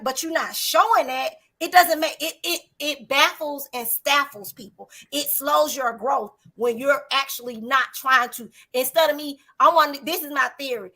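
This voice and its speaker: A woman's voice: sits high, sharp tone, rough recording. A woman guest on a talk show, speaking earnestly and preachily about faith and love in casual chat.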